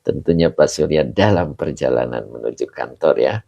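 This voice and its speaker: A man's voice: extremely low pitch, normal speed, creaky, mellow, dull audio. A man with an Indonesian accent, a religious teacher casually greeting viewers of his live stream and reading their comments aloud with frequent chuckles.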